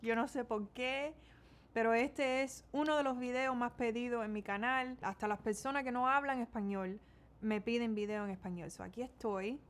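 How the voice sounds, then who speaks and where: In a small bedroom, a young Cuban-American beauty vlogger from Miami, in her twenties, talks casually through her makeup routine, dropping English words into her Spanish. She speaks at a normal speed with a voice on the high side and fairly even intonation.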